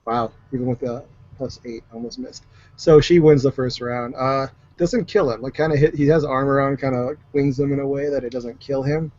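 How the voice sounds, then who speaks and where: A man's voice: mid-range voice, normal speed, darkish tone. A man narrating a tabletop game as game master, rambling loosely with plenty of fillers and asides. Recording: dull lo-fi recording.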